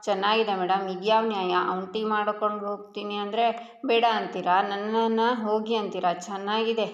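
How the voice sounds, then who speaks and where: A woman's voice: mid-range voice, little pitch movement, brisk, dull audio, lightly acted. A woman doing a teasing young man. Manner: teasing, playful. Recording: roomy echo.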